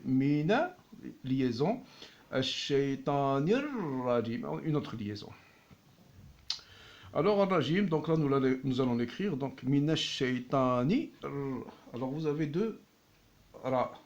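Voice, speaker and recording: A man teaching at a whiteboard, patiently explaining and repeating each word slowly. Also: mid-range voice, creaky, darkish tone, highs cut off. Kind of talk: slow classroom explanation.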